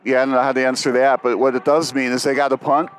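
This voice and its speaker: A man giving color commentary on a football game, explaining the play in a relaxed way. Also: medium pitch, quick pace, rough recording. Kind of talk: live sports commentary.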